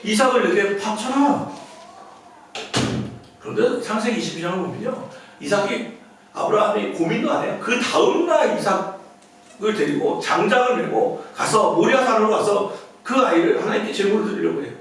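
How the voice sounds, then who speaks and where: A male pastor delivers a sermon with a high, lively voice that swings widely in pitch. He acts out the dialogue he quotes. The sound comes from a distance and rings through a very echoey church hall. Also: brisk. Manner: animated preaching, acting out quoted dialogue. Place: church sanctuary.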